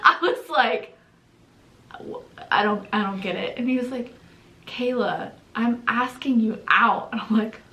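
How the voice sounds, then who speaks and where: A young woman co-hosting a channel, telling a story in a casual, animated way, acting out quotes and laughing often. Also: fairly high pitch, unhurried. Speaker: channel co-host. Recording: echoey room.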